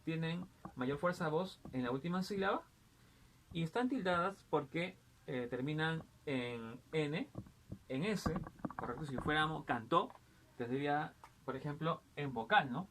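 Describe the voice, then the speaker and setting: A man's voice: on the high side, expressive, unhurried, noisy background. Man teaching, forever asking "¿correcto?". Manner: keeps asking "¿correcto?" and "¿no?", many "eh" and "este" fillers; addresses the student directly in a patient explaining tone. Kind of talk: school grammar lesson.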